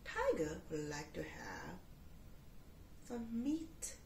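A woman's voice: deep voice, wildly swooping pitch, slow, vocal fry, darkish tone. A woman reading a picture book aloud with props, playful and talking to young listeners. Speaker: storyteller. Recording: roomy, distant mic, faint hiss.

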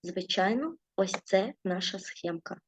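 A woman in a lesson for young children, talking softly and patiently with lots of diminutives and frequent "right?" check-ins. Her voice has an ordinary pitch for a woman, and the recording sounds slightly muffled and dull. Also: expressive, unhurried, a little hiss or hum. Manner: gentle, uses diminutives, frequent checking "так?". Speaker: primary school teacher. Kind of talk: classroom lesson narration.

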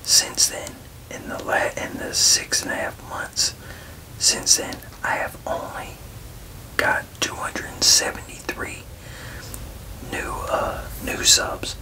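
A person whispering a casual ASMR ramble, halting and frank, with folksy turns of phrase. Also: sharp tone, recorded from a distance, poor audio. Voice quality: unvoiced, breathy whisper with creaky edges. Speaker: ASMR video creator.

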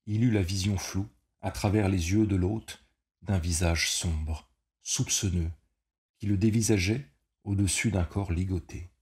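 Deep-voiced man reading a story aloud. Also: dark tone. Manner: slow, measured dramatic reading. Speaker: audiobook reader. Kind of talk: scripted narration.

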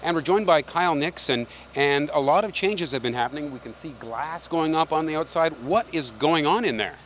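A man in his fifties, a local news reporter, asking brisk, upbeat questions in an on-site interview. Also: on the high side, animated, a bit bright, faint music behind. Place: outdoors on a street, then inside a large bar and bowling hall. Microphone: handheld reporter mic.

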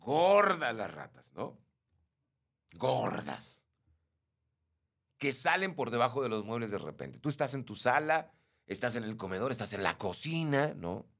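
A man's voice: medium pitch, normal speed. A young Mexican man hosting a casual live stream, reading and greeting viewers by name. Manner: animated, greets viewers by name, mimics shrieks.

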